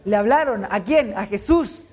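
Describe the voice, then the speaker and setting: A woman's voice: mid-range voice, animated, moderate pace, darkish tone, breathy edge. A woman leading a Bible study, asking the group questions and answering them herself.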